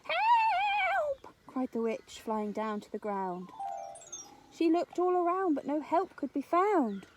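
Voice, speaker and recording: A woman narrating a rhyming children's story in an expressive, theatrical, rhythmic way. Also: high voice, measured pace, music in the background.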